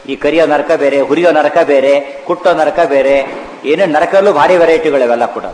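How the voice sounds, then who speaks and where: A man giving a devotional discourse on scripture. He explains patiently, chants the verses slowly and asks and answers his own questions. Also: a little high. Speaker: religious teacher. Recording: echoey hall, faint ambience.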